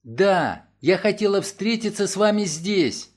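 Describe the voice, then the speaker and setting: A man's voice: sits high, expressive, a little slow, a little mellow, pitched above the performer's own voice. A man voicing an anxious young woman who was robbed, speaking in a raised, breathless and pleading way in an audiobook. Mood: agitated.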